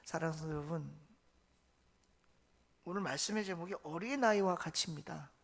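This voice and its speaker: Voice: mid-range voice, brisk, vocal fry, a bit bright. Pastor giving an emphatic, colloquial Sunday sermon in church. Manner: emphatic, rhetorical questions, colloquial asides. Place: church sanctuary.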